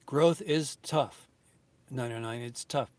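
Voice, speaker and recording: A mid-pitched man in his fifties hosts his own vlog. He speaks earnestly and gratefully, rambling through his thoughts with plenty of fillers and restarts. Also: takes it slowly, no echo. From United States. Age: 50s. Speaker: YouTube channel host. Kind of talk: casual vlog talk to viewers.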